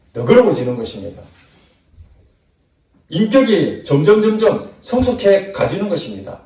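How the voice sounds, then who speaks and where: A man's voice: on the high side, mellow. A man preaching a sermon as pastor, acting out short asides of imagined people. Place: church sanctuary. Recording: echoey church hall from far off.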